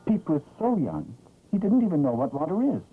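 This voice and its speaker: A narrator telling a children's story in an expressive, theatrical vintage 1960s cartoon style. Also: mid-range voice, fairly quick, breathy edge, soft background music. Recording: old tinny, noisy cartoon soundtrack.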